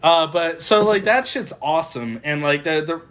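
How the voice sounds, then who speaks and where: A man's voice: on the high side, lively intonation, moderate pace, fairly bright tone. A man hosting a casual, profane movie podcast, rambling and exasperated, often breaking off mid-sentence. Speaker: podcast host.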